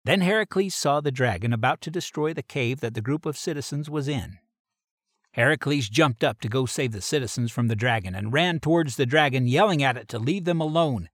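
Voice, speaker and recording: A man's voice: mid-range voice, expressive, brisk, fairly bright tone, no room sound, studio quality. A man reading an adventure story aloud in a plain storybook manner.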